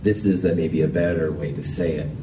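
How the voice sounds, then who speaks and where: A man's voice: extremely low pitch, steady tone, a little fast. Guy professor teaching in a big echoey lecture hall, casual and self-deprecating, mic far off with lots of noise. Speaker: chemistry professor. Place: indoor lecture hall with projector screen and chalkboard. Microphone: distant from the speaker. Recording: roomy lecture hall, distant mic, noisy.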